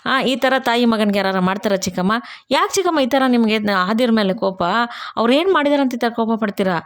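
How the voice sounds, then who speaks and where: A woman playing a gentle reproachful young wife. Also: a little high, animated, brisk, natural voice. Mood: reproachful pleading. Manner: pleading, reproachful. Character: young heroine, gentle wife turned accuser.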